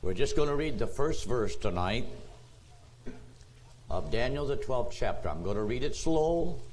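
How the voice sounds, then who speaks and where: A man preaching a sermon as pastor, slow and deliberate, drawing out words for emphasis. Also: mid-range voice, lively intonation, a little mellow, a little hiss or hum, poor audio. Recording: church sermon tape.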